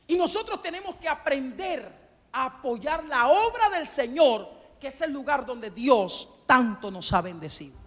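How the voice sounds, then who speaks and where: A man preaches in a high, ringing voice, pressing his congregation with questions and calls for amen. His words trail into a long church-hall reverb. It is a live Sunday sermon. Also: lively intonation, a little slow, a bit bright.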